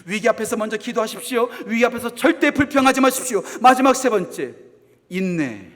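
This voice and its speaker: A middle-aged male pastor with a very high voice preaches quickly in a large church sanctuary, with long reverb trailing each phrase. He hammers points home by repeating them and drops to near-whispers for asides before building back up. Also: animated, fairly bright tone. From South Korea. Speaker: associate pastor. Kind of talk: sermon.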